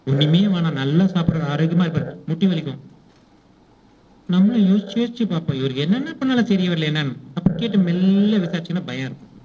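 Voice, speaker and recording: A man's voice: fairly high pitch, lively intonation, fast talker, warm tone, a little hiss or hum. A man giving a spiritual talk to an audience in a conversational way, often asking them questions and acting out short exchanges. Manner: conversational, questions the audience, acts out little dialogues. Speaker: spiritual teacher. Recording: dull lo-fi recording.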